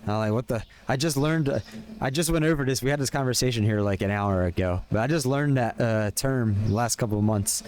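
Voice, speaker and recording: Talking a little quickly in a mid-range, darkish voice, a young Philadelphia-accented man from Pennsylvania rambles to viewers on his stream. He's chatty and friendly, leaning heavily on fillers, and slight background noise can be heard.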